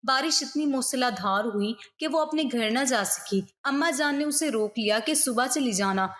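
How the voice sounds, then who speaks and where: High-voiced woman narrating a story. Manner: steady, expressive reading.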